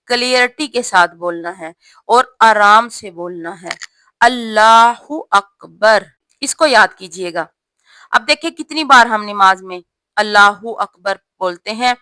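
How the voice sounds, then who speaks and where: A woman teaching correct prayer pronunciation to her sisters, explaining each mistake and drawing out the right words slowly. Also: on the high side, pushed and bright, no room sound. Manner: slow, drawn-out demonstration of correct pronunciation. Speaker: religious teacher. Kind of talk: instructional talk on prayer pronunciation.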